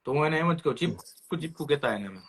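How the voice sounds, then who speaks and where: A man's voice: fairly high pitch, rapid-fire. A man, telling childhood stories in casual chat and acting out other people's lines. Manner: lively anecdotes, acts out classmates' lines. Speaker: podcast co-host.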